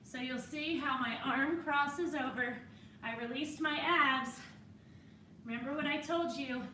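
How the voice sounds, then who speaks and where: A woman's voice: high voice, unhurried, sharp tone, echoey room, distant mic, slight background noise. A woman fitness instructor coaching a workout while exercising alongside, encouraging and a little winded.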